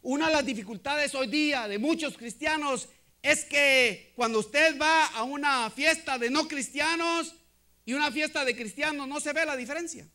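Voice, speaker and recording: A male pastor delivers a sermon in a strikingly high voice. His tone is bright and forceful. He keeps checking in with the congregation and often stops to restart his sentences. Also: moderate pace.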